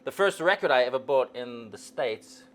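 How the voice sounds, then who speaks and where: A man from South Africa and Zimbabwe, with a South African accent, chats casually as an interview guest. His mid-range voice has lively intonation and a moderate pace, and he comes across as playful and rambling, often repeating words.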